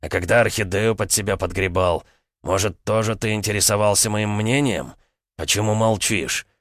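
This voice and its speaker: A man's voice: on the low side, moderate pace, dry recording, clean studio sound, lightly acted. A man voicing a stern, cold prince. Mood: cold, scolding. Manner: curt, commanding, menacing calm. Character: stern, cold older male prince, a father.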